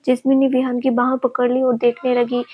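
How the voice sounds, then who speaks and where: A woman storyteller reads a family story aloud in an even, steady way. Her voice sits fairly high and stays level, with little rise and fall. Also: a little fast, dull audio. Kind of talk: storybook narration.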